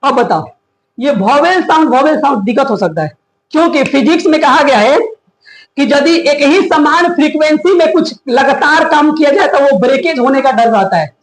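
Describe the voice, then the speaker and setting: Male grammar teacher, classroom lecture, high pitch, roomy echo, quizzes students constantly. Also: moderate pace. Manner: questions the class often, animated.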